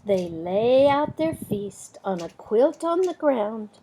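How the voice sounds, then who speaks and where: An older woman with a grandmotherly, gentle manner, reading a storybook aloud and chatting to young listeners. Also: on the high side, sing-song, slow, slight background noise, rough recording.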